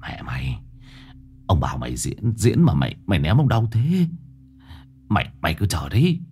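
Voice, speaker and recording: A man's voice: low-pitched, wildly swooping pitch, normal speed, a little mellow, slightly rough, exaggerated voice. A man doing a stammering sly exorcist. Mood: hissing curse. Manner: stammering, panicky. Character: sly young male exorcist, crafty and cowardly.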